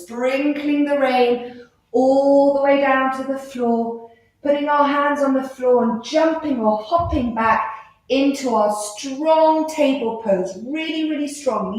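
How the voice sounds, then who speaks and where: A woman teaching a live children's yoga class, giving gentle, encouraging, playful instructions. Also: high voice. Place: live class in an indoor room. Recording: very echoey room.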